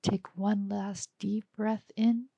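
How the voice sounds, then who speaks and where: A woman leads a guided breathing meditation in a hushed, frequently whispered voice. Her delivery is extremely slow, with a husky, gravelly texture. The sound is dry and close, with no room around it. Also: medium pitch, level tone, no room sound, lo-fi sound. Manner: slow, soft, often whispered counting.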